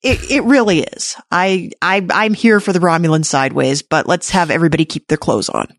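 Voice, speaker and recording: A woman's voice: on the low side, fairly quick, no room sound, studio quality. A woman hosting a casual recap podcast, chatty and playful, often restarting her sentences. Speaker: podcast host.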